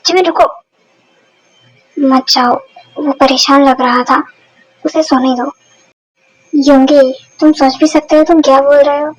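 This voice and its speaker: A woman voicing a calm, protective young man who talks softly and steadily, in a Hindi dubbed fan story. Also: sits high, no echo, rough recording.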